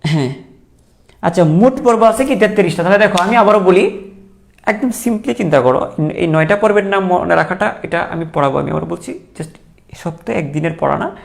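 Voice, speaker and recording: A man's voice: high-pitched, animated, fairly quick, gravelly. A young man teaching a biology exam-prep lecture, repeating key terms and quizzing his students as he goes.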